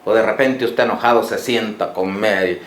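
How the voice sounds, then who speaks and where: Animated preacher, roomy echo. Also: male voice, on the low side, moderate pace, a little hiss or hum. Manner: animated storytelling, questions to listeners. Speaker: pastor. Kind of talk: Bible study sermon. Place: church.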